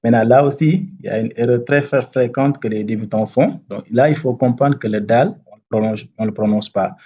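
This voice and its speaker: A man teaching Quran recitation rules step by step, patiently checking that learners follow and chanting the verses slowly. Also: medium pitch, darkish tone, highs cut off. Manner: patient, repeats and checks understanding; slow drawn-out recitation of verses. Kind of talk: step-by-step tajweed lesson.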